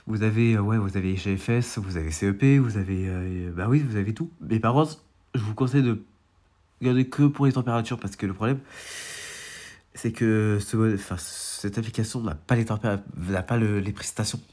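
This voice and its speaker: This young storm chaser speaks at a moderate pace in a lowish, warm voice, his nose congested with a cold. In a casual screen-share walkthrough of the weather radar, he rambles, repeats himself, restarts a lot, and complains about being sick.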